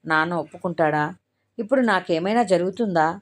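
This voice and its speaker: A woman's voice: on the low side, fairly quick, natural voice. A woman narrator voicing a scared, guilt-ridden young woman who talks timidly and falters. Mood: anxious musing.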